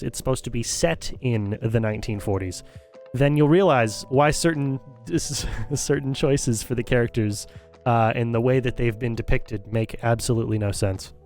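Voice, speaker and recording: A man's voice: mid-range voice, fairly quick, a little mellow, faint music behind. A man streaming, giving an opinionated, critical rant in casual commentary, often repeating and restarting phrases as he thinks it through.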